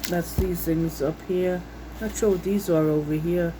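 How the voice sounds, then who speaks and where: With a low-leaning voice and fairly even intonation, a woman talks a little slowly against background noise. She's a vlogger at home browsing a recipe book, casually reading recipes aloud and musing to herself in a warm, homey style.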